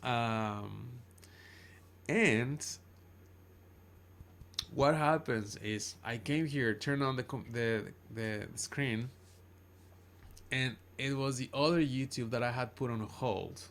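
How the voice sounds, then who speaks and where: A man's voice: mid-range voice, slow, creaky, long pauses, fairly bright tone. A man from Chile with a Chilean accent, a native Spanish speaker, talking casually and unscripted as a live streamer, rambling and often backtracking to correct himself. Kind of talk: casual unscripted livestream monologue in English.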